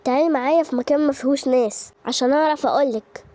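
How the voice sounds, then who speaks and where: A woman's voice: high voice, rapid-fire, dark tone, dry recording, natural voice. A woman voicing a sly, scheming schoolgirl who talks conspiratorially, with an Egyptian accent. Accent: Egyptian Arabic. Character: scheming confident schoolgirl Samar.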